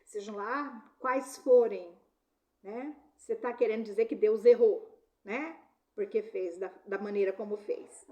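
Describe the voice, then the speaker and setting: A woman's voice: medium pitch, steady tone, measured pace, mellow, lo-fi sound. A middle-aged woman with a Brazilian Portuguese accent, giving an earnest talk on workplace harassment and sharing personal stories, often ending sentences with a questioning "né?".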